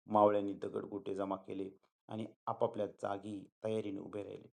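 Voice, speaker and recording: Male storyteller, low and gravelly, earnest and dramatic in his reading. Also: completely flat delivery, moderate pace, mellow. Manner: earnest, dramatic retelling with voiced quotes. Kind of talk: reading a history story aloud.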